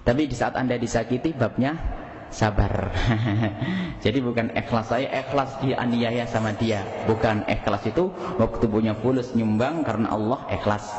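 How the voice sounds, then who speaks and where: A man's voice: medium pitch, a little mellow. A male preacher giving a sermon and answering a question, telling stories animatedly and acting out the voices of the people in them. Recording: roomy hall, dull sound, faint noise.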